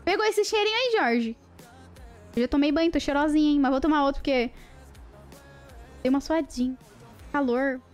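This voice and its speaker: A young woman with a high, bright-pitched voice chats playfully on a livestream, greeting viewers by name. Faint music plays quietly behind her. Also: moderate pace, long pauses. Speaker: live streamer. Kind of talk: casual livestream chat with viewers.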